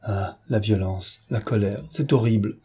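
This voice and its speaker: A man's voice: mid-range voice, unhurried, mellow, slightly rough. A man voicing a frightened, distraught young woman who speaks in breathless, gasping cries in a read-aloud novel. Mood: shaken.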